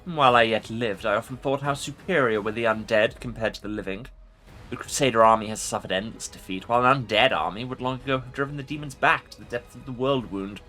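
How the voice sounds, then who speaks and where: A man's voice: mid-range voice, fast talker, sharp tone, faint music behind, voice pushed up, natural voice. A man voicing an ancient undead lich from a fantasy game, arrogant and imperious, with pompous formal speech. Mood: grandiose. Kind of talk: dramatic video game role-play reading.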